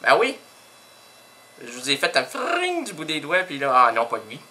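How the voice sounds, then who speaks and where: A man's voice: a little high, huge pitch swings, moderate pace, pushed and bright. A middle-aged man with a Québécois accent, hosting a radio show and joking through a one-sided phone call, playful and self-mocking with many fillers and puns. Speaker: radio host. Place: radio studio.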